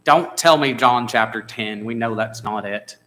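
Man preaching in a church, bright voice, conversational, asks the congregation questions. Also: mid-range voice, unhurried, rough recording. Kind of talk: sermon. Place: church sanctuary.

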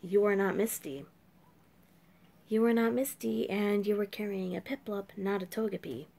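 Chatting casually on a desk webcam late at night, an eighteen-year-old reaction video host speaks from a small room with a scratchy, sore throat. Her voice is medium-pitched, creaky, and mellow, with fairly even intonation at normal speed, and she exclaims puzzled questions.

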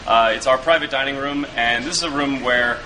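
Chef pausing on frequent uhs. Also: male voice, mid-range voice. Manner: hesitant, many filler uhs. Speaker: restaurant chef. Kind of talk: casual walkthrough interview. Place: restaurant wine cellar and dining rooms, indoors. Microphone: camera mic, handheld camera close by. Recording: echoey room, noisy background hum.

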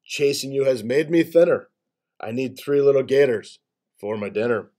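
A man voicing a big, hungry male boar with a raspy, bullying voice, chanting rhyming threats in a storybook reading. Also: medium pitch, normal speed, mellow, natural voice. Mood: menacing. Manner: sing-song rhyming threats.

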